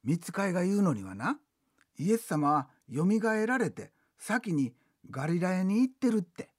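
A man's voice: high-pitched, sing-song, moderate pace. A man with a Kansai accent telling a comic story rakugo-style, switching between two chatting servants.

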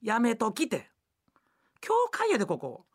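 A woman's voice: on the high side, huge pitch swings, unhurried, breathy edge, heavily acted. A woman doing a nagging Kansai housewife. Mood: impatient. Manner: scolding, nagging. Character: bossy, devout Osaka housewife. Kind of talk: rakugo storytelling.

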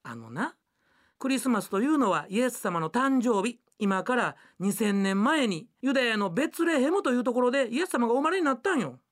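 A woman's voice: fairly high pitch, expressive, fairly quick, natural voice. A woman doing a nagging Kansai housewife. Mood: impatient. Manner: scolding, nagging. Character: bossy, devout Osaka housewife. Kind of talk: rakugo storytelling.

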